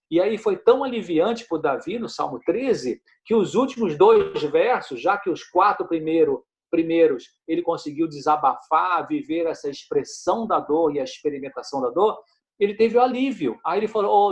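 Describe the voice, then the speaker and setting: Earnest Brazilian man, higher voice. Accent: Brazilian Portuguese. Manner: earnest, addresses listeners as dear ones, many "né?" tags. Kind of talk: sermon-like talk to an online audience.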